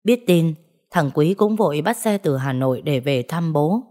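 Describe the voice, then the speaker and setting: A woman narrating a ghost story in a steady storytelling manner. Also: deep voice, normal speed. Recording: faint background music.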